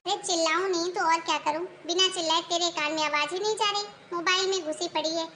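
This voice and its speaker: A woman voicing a sharp-tongued older mother-in-law in a cartoon, nagging and scolding her daughter-in-law. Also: very high-pitched, steady tone, fast talker, a little hiss or hum. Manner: nagging, shouting and complaining. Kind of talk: cartoon voice acting.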